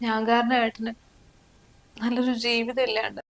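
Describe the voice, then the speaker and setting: A young woman playing an ill, gentle wife, speaking softly through tears in a family short film. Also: fairly high pitch, moderate pace, vocal fry, low-quality recording. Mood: tearful. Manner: soft, pleading, flat delivery. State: crying.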